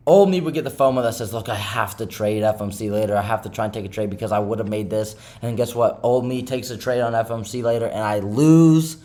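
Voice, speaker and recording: A man's voice: on the low side, quick pace, dark tone. A man vlogging about his day trading, talking to himself in a rambling, self-critical way and often tagging his points with "right?". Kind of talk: candid self-talk monologue.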